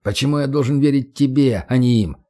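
A man voicing a wary, gruff adult knife-thrower who talks in low, clipped phrases. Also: brisk, warm tone, natural voice. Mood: curt.

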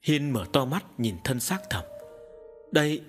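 A man narrating an audiobook story in an expressive, animated way. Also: mid-range voice, a little slow, faint music behind.

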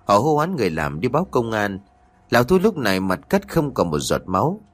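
A male narrator reads a horror audiobook with dramatic storytelling. His voice sits on the lower side, yet his pitch moves in lively swings to build dread. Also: a little fast, no echo, soft background music.

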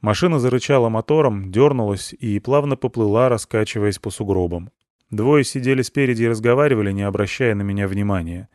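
A man calmly narrating a first-person story in a matter-of-fact way. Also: fairly low pitch, fairly quick, no echo, clean studio sound. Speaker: audiobook narrator.

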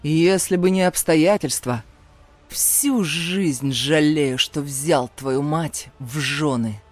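A woman voicing a furious, abusive middle-aged stepfather who snarls and barks orders, drawing some words out slowly, in an audiobook. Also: sits low, a little mellow, soft background music. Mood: bitter. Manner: snarling, barking orders, slowed hissing.

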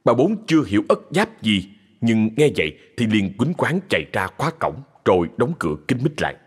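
A man narrating a ghost story in a lively, colloquial way. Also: lowish voice, fairly quick, slightly rough, big-room sound.

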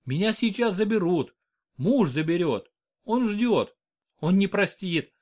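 A man voicing a frightened young noblewoman in labour, pleading in high, sobbing tones. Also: very animated, takes it slowly, a little mellow, exaggerated voice. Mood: tearful pleading.

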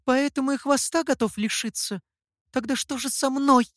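A jealous fish-spirit girl, put on by an audiobook reader pleads and scolds in a high, reproachful voice. Her pitch sits well above the reader's own. The sound is close and dry. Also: steady tone, normal speed, a bit bright, no echo. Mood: tearful. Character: lovesick young fish-spirit woman, jealous and tearful.

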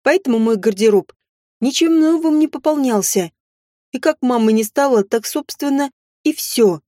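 A woman reading a first-person audiobook with acted dialogue, in an expressive, dramatic way. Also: high-pitched, moderate pace, no echo, studio quality. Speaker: audiobook narrator.

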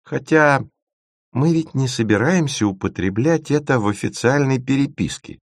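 A sarcastic young girl who picks every idea apart, played by a man. Her lines sit higher than the reader's normal voice and move a lot. The recording is dry. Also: lively intonation, moderate pace, dry recording, natural voice. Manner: sarcastic, dismissive.

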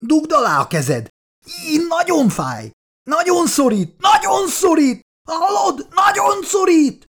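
A man's voice: extremely high pitch, very animated, fairly bright tone, voice pushed up, exaggerated voice. A man voicing a panicking male biologist astronaut, screaming and shrieking in pain. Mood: agonized.

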